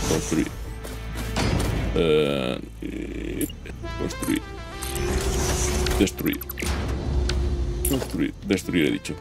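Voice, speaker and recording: A man with a very low, gravelly voice chats and jokes through a let's-play. He talks straight to the game as he builds. Loud game music plays underneath. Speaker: gameplay streamer. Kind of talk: casual let's-play commentary.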